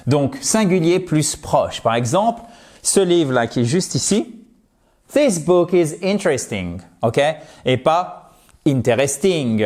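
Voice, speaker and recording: A man's voice: mid-range voice, a little mellow. A middle-aged French-speaking man teaching English in a video lesson at home, patiently modelling each word with exaggerated care.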